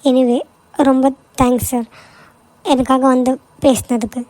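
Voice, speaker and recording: A woman's voice: sits high, little pitch movement, measured pace, a little mellow, dry recording, low-quality recording. A woman voicing a meek pleading young worker. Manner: pleading, apologetic. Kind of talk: cartoon voice acting.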